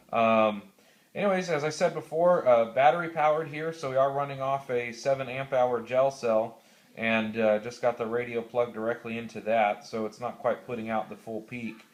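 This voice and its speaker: An American classroom teacher with a medium-pitched voice chats casually on amateur radio, using radio procedure words. He explains things methodically and haltingly.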